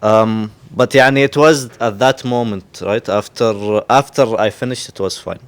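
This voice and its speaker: Low-voiced man answering hesitantly. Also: normal speed, clear, resonant tone. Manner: hesitant, restarts phrases, Arabic fillers. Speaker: audience member. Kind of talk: casual answer to a question.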